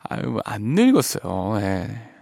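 Soft-spoken male radio DJ, dry sound. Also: mid-range voice, gravelly, slightly rough, no echo. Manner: soft-spoken, gently reflective, trailing off quietly. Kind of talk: late radio show reading listener messages. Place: radio studio. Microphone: studio microphone.

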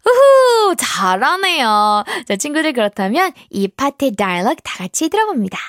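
Lively, encouraging woman English teacher. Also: a little high, quick pace. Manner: bright, encouraging, sing-song. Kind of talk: online English lesson for children.

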